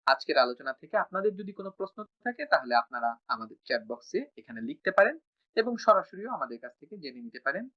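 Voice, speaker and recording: A man teaching Quran recitation rules in an online class, slowly chanting example words between explanations. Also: fairly high pitch, big pitch swings, muffled recording. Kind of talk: online tajweed lesson.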